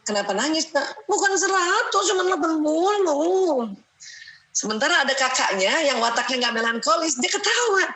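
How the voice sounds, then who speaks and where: A middle-aged woman leads a parenting seminar in a bright, slightly high voice. Her delivery is animated and full of laughter, with a habit of tucking "ya" between her points. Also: moderate pace, poor audio. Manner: lively, often laughing, quotes her children; peppers sentences with "ya". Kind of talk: seminar talk to an audience.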